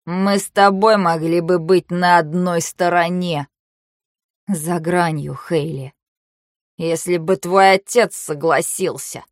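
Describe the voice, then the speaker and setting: Woman voicing a sneering unhinged young man, shrill outbursts, feverish muttering, storybook reading, dry voice. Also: steady tone, slow, no echo. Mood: taunting. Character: young man, mocking, unhinged, panicky noble.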